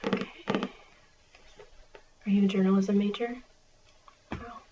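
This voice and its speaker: Hushed woman in soft-spoken library role-play, noisy recording. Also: medium pitch, level tone, slow pace. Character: friendly, chatty small-town college librarian. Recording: distant, muffled, clearly noisy recording.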